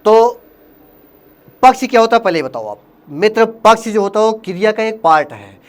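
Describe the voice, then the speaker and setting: A man's voice: high voice, animated, moderate pace. A man from Uttar Pradesh teaching Hindi grammar for an exam, speaking with a Hindi accent. He keeps asking quiz questions and then answers them himself. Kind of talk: exam-prep lesson.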